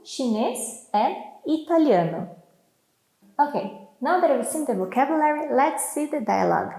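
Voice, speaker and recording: Woman language teacher, Brazilian accent, slightly high and mellow, slow patient delivery, roomy echo. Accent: Brazilian Portuguese. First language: Portuguese. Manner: repeats each word slowly and carefully for learners. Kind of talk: slow, clear language lesson.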